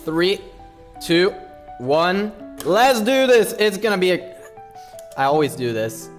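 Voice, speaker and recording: A man's voice: high-pitched, very animated, slow. Streamer man on livestream headset audio. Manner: talks to himself while setting up, hypes himself up. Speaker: speedrun streamer. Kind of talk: casual livestream chat. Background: music.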